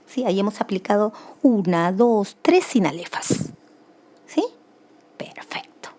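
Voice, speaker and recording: A woman's voice: medium pitch, lively intonation, measured pace, a little mellow. A woman teaching a recorded secondary school class, explaining step by step and often checking in with the students.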